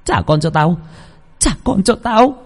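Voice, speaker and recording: A man's voice: high voice, expressive, unhurried, pitched above the performer's own voice, exaggerated voice. A man voicing an older village woman, a frantic grieving mother who shrieks and cries for her lost child in a spoken horror story. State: crying.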